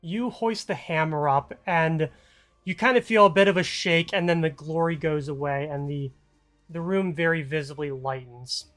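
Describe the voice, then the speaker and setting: A game master narrating and ruling a tabletop role-playing game in a calm, measured way, with small pauses. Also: mid-range voice, faint music behind.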